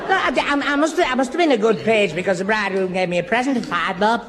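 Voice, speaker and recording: A man's voice: sits high, animated, quick pace, a crowd in the background. A man playing a bumbling, stammering young fiancé in 1950s radio comedy, heard on an old broadcast recording. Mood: flustered. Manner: stammering, muddled and tongue-tied. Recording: hissy old broadcast with long hall reverb.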